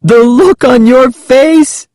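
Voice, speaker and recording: A man reading an audiobook, voicing a bratty young girl cousin who teases in a high, gleeful, mocking voice. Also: very animated, moderate pace, a little mellow, dry recording, faint music behind.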